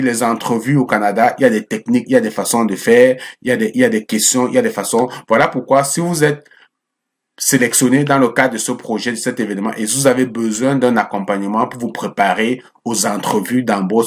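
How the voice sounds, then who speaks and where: Guiding viewers through a job application website, this immigration YouTuber talks in a mid-range voice with a breathy edge, chatty and repetitive, calling them friends and checking in often with "ok?".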